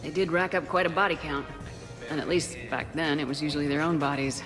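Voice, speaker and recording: A woman playing a relaxed, wry female military commander in video game dialogue. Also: deep voice, fairly quick, big-room sound, music in the background, lightly acted.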